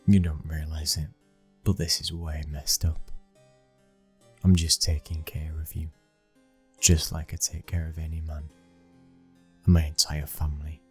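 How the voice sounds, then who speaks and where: In an intimate ASMR roleplay, a British man plays a mafia boss's brooding, dominant young son, speaking slowly with commanding control in a guarded, frank mood. His exaggerated voice is very deep, level and slightly rough, with faint music behind.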